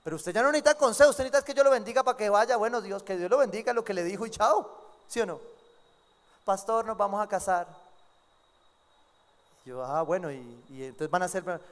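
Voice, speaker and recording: A man preaching a sermon as pastor, lively and joking as he acts out members of his church. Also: sits high, fairly quick, long pauses. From Colombia. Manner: lively, acts out quoted congregants with humor. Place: church sanctuary. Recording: long church hall reverb.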